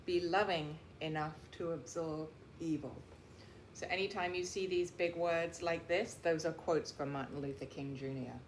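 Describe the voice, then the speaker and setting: A woman with a fairly low voice reads from a picture book in a teacherly way, stressing words carefully and stopping to explain things. The room sounds spacious and echoey, with a little background noise.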